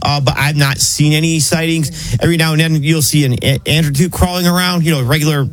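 A man's voice: on the high side, fairly even intonation, quick pace, no echo. A man on a radio show chatting casually, hesitant and repeating himself. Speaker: radio show cast member. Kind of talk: casual chat.

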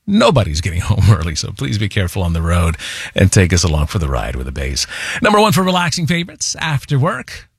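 Smooth-talking male radio DJ, husky. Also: sits low, no echo. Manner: relaxed, easygoing on-air chatter with small fillers. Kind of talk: smooth radio host patter. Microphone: studio mic.

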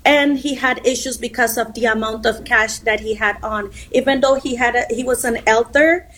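Honduran woman, fairly high pitch, hesitant interview guest. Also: steady tone, normal speed, a bit bright. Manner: hesitant, searching for words, many fillers. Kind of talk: conversational interview answers.

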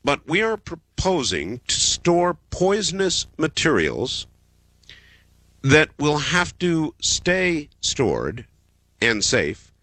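A man with a smooth radio host delivery, taking callers on a late-night call-in show. His voice is bright and swings widely in pitch, and it sounds dry and close on a studio microphone. He talks calmly and slows down to lean into phrases he repeats. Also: no room sound. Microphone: studio broadcast microphone.

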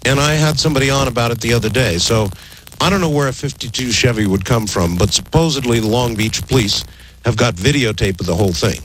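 Smooth-voiced male radio host. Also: mid-range voice, fast talker, fairly bright tone, a little hiss or hum, low-quality recording. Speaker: radio talk show host. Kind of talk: late-night call-in radio show.

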